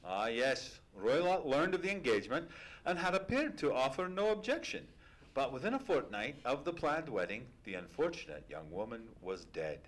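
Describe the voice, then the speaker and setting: A man's voice: mid-range voice, sing-song. A man playing a courteous, earnest Victorian doctor who tells events formally and dramatically in an old-time radio mystery. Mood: ominous. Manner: formal, measured, dramatic storytelling. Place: theatre stage, live radio play performance.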